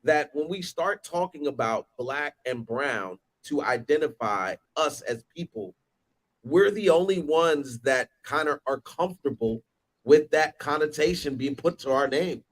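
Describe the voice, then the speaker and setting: A man co-hosting a casual panel talk, animated and rambling, with lots of restarts. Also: fairly high pitch, unhurried, rough recording. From United States. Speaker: podcast co-host.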